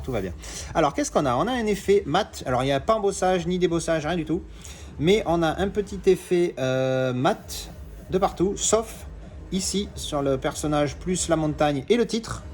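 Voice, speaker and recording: A man, chatting excitedly through an unboxing, full of fillers and self-corrections. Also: on the high side. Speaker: collector unboxing discs. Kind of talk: casual unboxing vlog.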